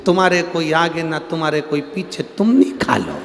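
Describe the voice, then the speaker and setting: A preacher voicing a small, cheeky grandson who whines in a childish way in a reverberant hall. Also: male voice, on the high side, very animated, moderate pace, gravelly, noisy background.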